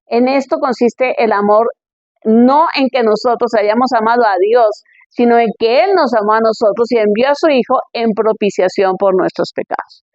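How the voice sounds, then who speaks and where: Woman preaching, high voice, reads bible verses, keeps asking "ok?", dull dry recording. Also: normal speed, a little mellow, no echo. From Colombia.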